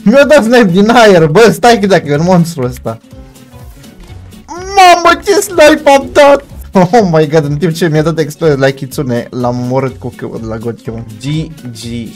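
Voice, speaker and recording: Young male gaming creator, excitable live commentary, slightly high voice, faint music bed. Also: few pauses. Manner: excitable, shouts and laughs at swings in the fight, mixes in English slang. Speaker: gaming YouTuber.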